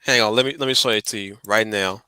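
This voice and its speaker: A stream host with a lowish, sharp-toned voice talks fast while reacting to a video on a livestream. He chats casually and often repeats words as he finds his way, and the recording is smooth and dry.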